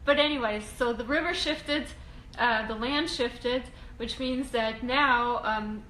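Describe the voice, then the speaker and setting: A woman from Russia, a real estate investing educator, answering viewer questions in a casual Q&A video, halting with frequent ums and restarts. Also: fairly high pitch, pushed and bright. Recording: echoey room, faint ambient hiss.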